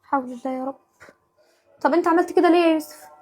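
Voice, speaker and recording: A woman's voice: high voice, a little mellow, faint music behind, close to an everyday voice. A woman with an Egyptian accent playing a put-upon young wife and mother in a family sketch, talking in an exasperated, pleading way. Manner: exasperated, pleading, quick rapid-fire talk. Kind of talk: home-video family sketch acting.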